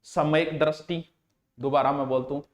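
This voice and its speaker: High-voiced teacher in echoey room. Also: male voice, steady tone. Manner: emphatic, repeats terms slowly for dictation. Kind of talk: exam coaching lecture. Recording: roomy echo.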